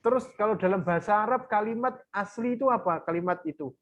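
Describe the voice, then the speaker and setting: A man teaching Quran recitation rules in a workshop, explaining and then chanting verses slowly while counting beats aloud. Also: high voice. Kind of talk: online workshop lesson with recited examples.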